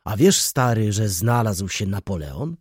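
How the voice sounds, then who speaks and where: A man voicing a gruff, blunt old family friend with a crusty manner. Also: medium pitch, big pitch swings, measured pace, mellow, no echo, studio quality, full character voice.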